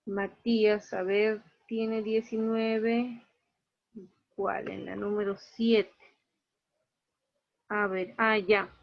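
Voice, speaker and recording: A woman teaching an online class goes through her students' grades one at a time, explaining each mark plainly and matter-of-factly. Her voice is fairly high, and the recording sounds muffled.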